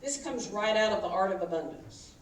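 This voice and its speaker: A woman in her fifties, a minister giving a sermon, animated and calling for responses from the congregation. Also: medium pitch, a little fast. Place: church sanctuary. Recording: echoey hall, mic from far off, faint noise.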